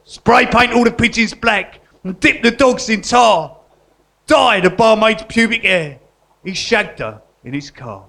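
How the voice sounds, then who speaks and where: Bloke acting earnest sentimental essex crook artist, high sharp voice, south-east english accent, stage play. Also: male voice, animated, unhurried, vocal fry, exaggerated voice. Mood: mournful recital. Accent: south-east England. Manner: colloquial, earnest. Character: emotional working-class Essex crook-artist, loyal and sentimental. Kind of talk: live stage drama.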